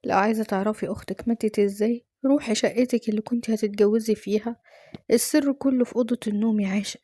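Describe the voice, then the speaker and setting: A woman's voice: medium pitch, steady tone, fast talker, close to an everyday voice. A woman voicing a young female friend who whispers an urgent secret in an Egyptian accent, as whispered role-play. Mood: secretive. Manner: hushed, urgent.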